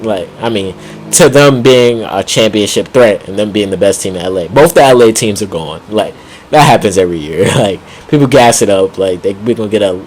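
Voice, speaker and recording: A man with a fairly low voice vlogs casual basketball commentary, rambling on with lots of "like," other fillers, and slang, chuckling often. There's a slight background noise.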